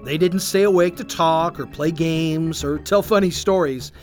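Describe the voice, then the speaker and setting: A storyteller reading a Bible story aloud for children in an expressive, animated way. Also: mid-range voice, unhurried, faint music behind.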